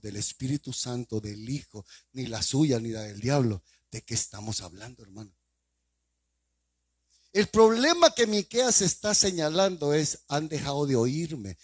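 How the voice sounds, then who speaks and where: A male pastor with a Salvadoran accent preaching a sermon, firing repeated rhetorical questions at the congregation with sudden loud bursts. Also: mid-range voice, no room sound. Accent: Salvadoran Spanish.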